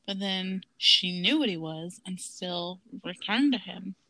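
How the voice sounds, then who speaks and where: A woman's voice: on the low side, unhurried, sharp tone, slight background noise. A woman in her thirties co-hosting a casual rewatch podcast, chatty and laughing, acting out quotes. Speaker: podcast co-host.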